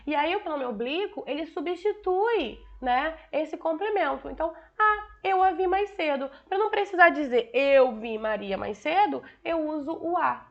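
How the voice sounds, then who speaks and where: High-voiced Brazilian woman teaching grammar. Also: muffled recording. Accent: Brazilian Portuguese. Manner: explains with frequent "né?" and "tá?" check-ins, addresses students as "galera". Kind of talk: online grammar lesson.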